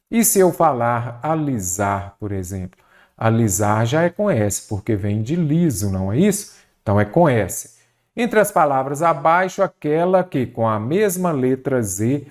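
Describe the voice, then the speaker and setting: A man's voice: mid-range voice, darkish tone. A man with a Brazilian Portuguese accent teaching an online exam-prep grammar lesson, asking rhetorical questions and answering them himself.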